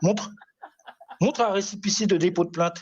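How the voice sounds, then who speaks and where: A man with a high voice taunts his opponent in a heated online argument, hammering the same lines again and again. He comes through a video call with dull, lo-fi sound. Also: normal speed, a crowd in the background. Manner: taunting, mocking, repeats himself.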